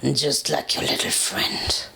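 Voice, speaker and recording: A woman reading a story aloud, voicing a huge, furious male dragon in a low growl. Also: slow, pushed and bright, low-quality recording. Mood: menacing.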